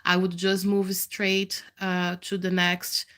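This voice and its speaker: A woman's voice: lowish voice, completely flat delivery, slow pace, fairly bright tone. A woman in her thirties with a nasal, congested voice, chatting candidly to viewers in a live video update. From Canada. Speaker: vlogger.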